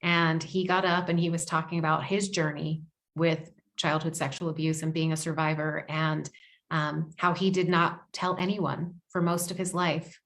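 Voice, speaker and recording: Earnest low-voiced woman guest. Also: level tone, normal speed, a bit bright. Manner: earnest, repeats words for emphasis. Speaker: podcast guest. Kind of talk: heartfelt interview conversation.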